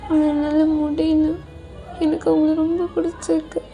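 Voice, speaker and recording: Woman doing a heartbroken young man, high-pitched sobbing, slow pleading words, mellow tone. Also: completely flat delivery, faint music behind. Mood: tearful pleading.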